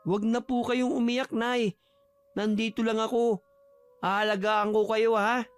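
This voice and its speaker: A man voicing a gentle, devoted son who speaks softly and politely to his mother. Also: high voice, level tone, unhurried, smooth, soft background music. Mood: tender. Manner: soft, polite, tender. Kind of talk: audio drama acting.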